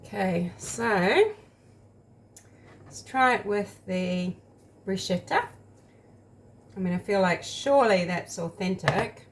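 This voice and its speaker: Woman, home baking vlogger; casual, rambling, slow delivery, talks with mouth full. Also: mid-range voice, animated, background noise. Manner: chatty, rambling, eats while talking. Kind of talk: casual taste-test vlog.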